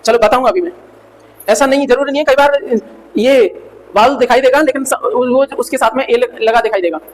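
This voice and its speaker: A man's voice: very high-pitched, moderate pace. A male English teacher giving a revision lecture, asking the class questions and answering them himself, repeating key words and spelling out letters. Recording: reverberant room with faint noise.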